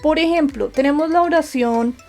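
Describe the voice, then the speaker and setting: At a normal speed, a Japanese teacher from Colombia walks students through a grammar lesson on slides, her high voice carrying a gravelly edge. She patiently poses questions and answers them herself, with faint soft music in the background.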